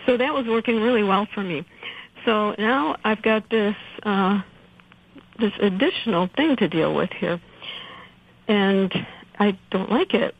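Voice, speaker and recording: A woman calling in to a radio show, hesitant and nervous, filling her pauses with ums and uhs. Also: mid-range voice, no echo, narrow, tinny audio. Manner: hesitant, many fillers, nervous. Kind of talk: casual call-in question.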